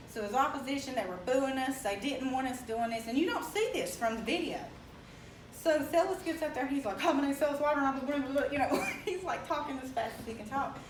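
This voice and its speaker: A young woman with an Appalachian accent tells a story with an animated, laughing delivery and acts out the people she quotes. Her voice sits high. The recording sounds echoey and distant, with faint ambience. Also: a little hiss or hum. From Appalachia, West Virginia. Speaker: speaker telling her story. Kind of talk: casual storytelling talk. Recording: echoey room, mic from far off, faint ambience.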